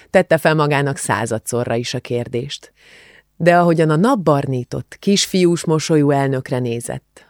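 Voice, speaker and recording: A man narrating an audiobook in a calm, measured, even reading voice on a close studio mic. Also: mid-range voice, no room sound.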